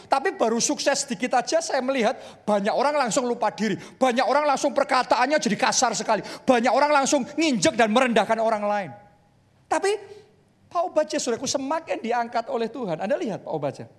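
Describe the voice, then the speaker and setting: A man preaching a sermon as pastor, swinging between loud exhortation and hushed quoted lines, mixing in English phrases. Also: sits high.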